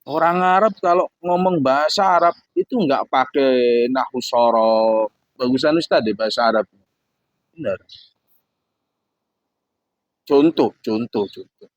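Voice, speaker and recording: Lively male Islamic teacher, lo-fi. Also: medium pitch, a little slow, long pauses, no room sound. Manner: lively, acts out little dialogues, wordplay on Arabic loanwords. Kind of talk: religious book study lesson. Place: Islamic boarding school.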